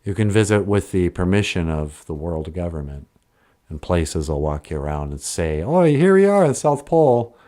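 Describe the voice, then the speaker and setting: This live streamer has a low, mellow voice with big pitch swings, talking at a normal speed as he replies to his chat. His talk wanders, often trailing away or getting corrected mid-sentence.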